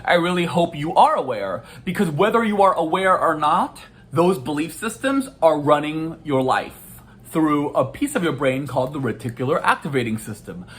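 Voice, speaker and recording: A man working as a life coach, explaining a topic in a casual video, talking in a playful, animated way and often laughing. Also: a little high, moderate pace.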